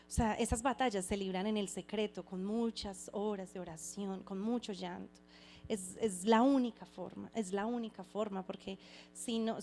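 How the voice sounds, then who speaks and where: A woman giving a heartfelt personal faith testimony, reflective and halting, often restarting her phrases. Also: medium pitch, mellow, a little hiss or hum. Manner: earnest and heartfelt.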